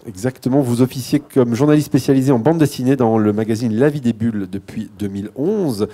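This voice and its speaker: A man's voice: medium pitch, a little fast, mellow. A man moderating a live panel discussion, introducing guests with frequent restarts, self-corrections and light joking asides.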